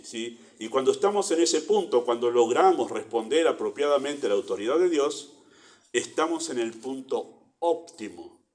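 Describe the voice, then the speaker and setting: A man with an Argentine Spanish accent preaching a sermon in a church, earnest, rising to emphatic bursts and dropping to quiet asides. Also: mid-range voice. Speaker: pastor.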